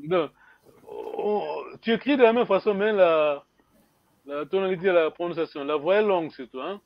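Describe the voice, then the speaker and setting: A man teaches a class in a high voice, stopping and restarting as he explains, often repeating words and giving small laughs. The recording is dull and lo-fi. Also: moderate pace, gravelly. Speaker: language teacher.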